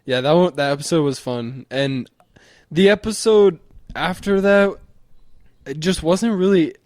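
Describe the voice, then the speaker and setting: A man's voice: fairly high pitch, darkish tone, no echo, clean studio sound. A young man co-hosting a podcast, rambling easily with lots of restarts. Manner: rambling, halting restarts, easygoing. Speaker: podcast co-host. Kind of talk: casual chat.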